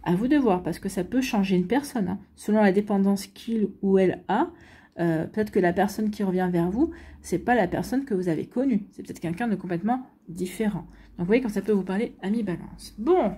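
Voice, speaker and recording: A woman gives a tarot reading and talks directly to her viewers. Her voice is mellow and dark with a husky edge. She speaks hesitantly, with many fillers and restarts. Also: mid-range voice, a little fast. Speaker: tarot card reader. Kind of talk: spontaneous tarot reading to camera.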